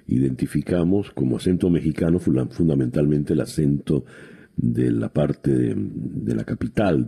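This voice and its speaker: Deep gravelly man hosting radio. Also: warm tone. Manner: measured, explanatory, frequent hesitations. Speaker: radio host. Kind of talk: radio interview.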